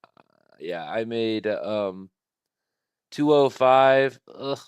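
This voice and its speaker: A man's voice: fairly low pitch, expressive, takes it slowly, clear, resonant tone, no room sound, dull audio. A man hosting a live trading stream, thinking aloud at his computer in a casual, rambling way.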